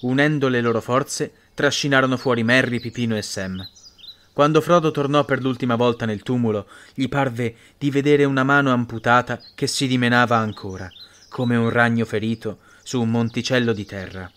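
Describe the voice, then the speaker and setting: A man reading a fantasy story aloud in measured, expressive audiobook narration. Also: medium pitch.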